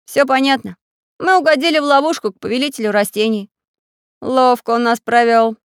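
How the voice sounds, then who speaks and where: A woman voicing a brave little iron craftsman who talks loudly and eagerly. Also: mid-range voice, moderate pace, no room sound, studio quality, lightly acted. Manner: loud and eager.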